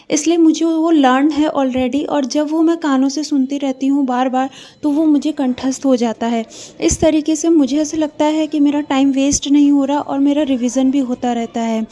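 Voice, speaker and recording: Brief: young woman vlogger, high voice with a mellow tone, chatty, calls viewers friends. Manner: chatty, addresses viewers as friends, frequent hesitations. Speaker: vlogger studying for an exam while raising a child. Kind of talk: casual talk to viewers.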